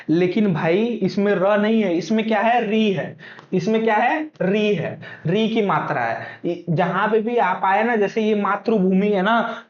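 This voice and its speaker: A man teaching for exam prep, who keeps asking his own questions and then answering them. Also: sits high. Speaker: Hindi teacher. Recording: echoey room, dull lo-fi sound.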